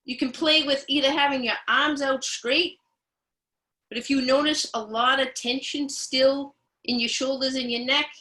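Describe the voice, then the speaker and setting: A woman leads a guided meditation in the soothing manner of a yoga teacher. Her pace is slow, with gentle pauses between instructions. The voice has a bright, forward tone. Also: on the high side, rough recording. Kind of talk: guided mindful movement instruction.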